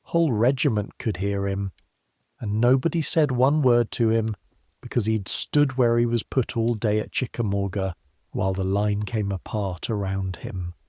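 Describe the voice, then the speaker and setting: A man reading the lines of a quiet, weary male war veteran, speaking evenly and plainly. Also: on the low side, fairly even intonation, normal speed, dry recording, studio quality, lightly acted.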